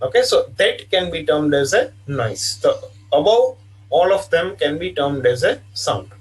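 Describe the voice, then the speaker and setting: A man's voice: on the high side, big pitch swings, measured pace. A man giving an online engineering lecture, explaining patiently and repeating himself, with frequent "okay" fillers. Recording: distant mic sound.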